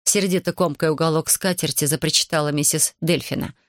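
A woman reading an audiobook in an even, measured narrating voice. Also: sits low, dry recording, studio quality.

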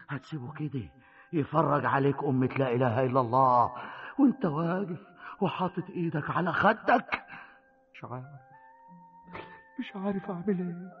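A man's voice: very high voice, vocal fry, heavily acted. An actor with an Egyptian accent playing a stubborn, defiant farmer who refuses to give up his land, in a classic radio drama. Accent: Egyptian Arabic. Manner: fierce and defiant. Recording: dull old radio recording with music.

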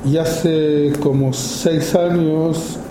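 This photographer from Argentina, a man in his fifties, gives an informal talk about his work with an Argentine Spanish accent, speaking slowly amid lots of pauses and fillers. His pitch is fairly high and his tone steady, in a reverberant space with background noise.

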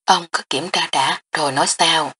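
A woman's voice: low voice, normal speed, a bit bright, slight background noise. A woman reading an audiobook, voicing a young prince who speaks curtly and gives commands. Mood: impatient, commanding. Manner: curt, commanding.

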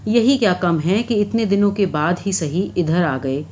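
A woman's voice: on the low side, animated, a little mellow, muffled recording, a little hiss or hum, close to an everyday voice. Haseena, a woman voicing a reproachful young woman. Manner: reproachful, bitter.

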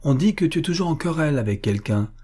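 A man's voice: fairly high pitch, animated, fast talker, warm tone, husky, pitched above the performer's own voice. A man reading a firm young tutor. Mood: stern. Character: stern but kind young man, tutor.

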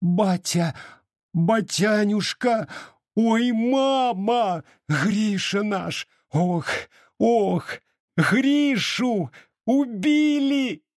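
A man reading an audiobook voices a frightened young peasant daughter, hurried and anxious, with a husky tone. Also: medium pitch, darkish tone, no echo, studio quality, pitched above the performer's own voice, lightly acted. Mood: wailing.

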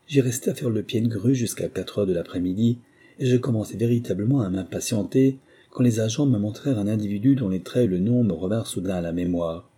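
Man with a dark, husky narrating voice. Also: fairly low pitch. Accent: French. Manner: measured, literary storytelling. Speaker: audiobook narrator. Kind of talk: scripted first-person narration.

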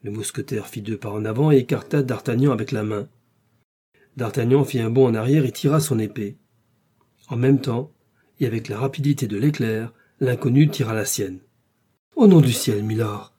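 A man narrating a classic adventure novel in a measured, even way. His voice is mellow and dark, with a slight husk to it. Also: medium pitch, breathy edge. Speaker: audiobook narrator.

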